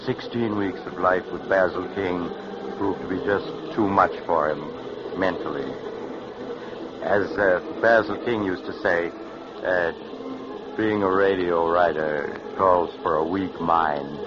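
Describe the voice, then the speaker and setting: An actor playing a wry, macabre traveler who hosts 1940s radio horror tales with sly, genial menace. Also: male voice, deep voice, takes it slowly. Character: wry, macabre, mysterious male traveler storyteller on a train. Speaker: host. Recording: noisy, muffled vintage radio recording.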